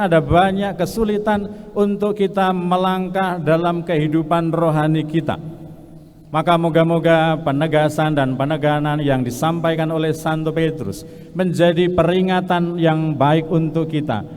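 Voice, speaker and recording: A man's voice: on the high side, steady tone, moderate pace, clean tone. A man preaching a sermon as a priest, telling a funny story with playful asides. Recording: reverberant church hall.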